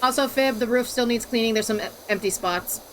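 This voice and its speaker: A high-pitched woman from Minnesota hosts a casual game stream. She teases her friends and laughs often while they chat. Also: fairly quick, background noise. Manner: playful, teasing, laughs often.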